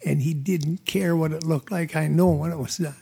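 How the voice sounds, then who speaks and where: A man's voice: fairly high pitch, fairly even intonation, moderate pace, vocal fry, warm tone, husky. A middle-aged man from North Dakota, giving emotional, plain-spoken testimony as a landowner at a public hearing.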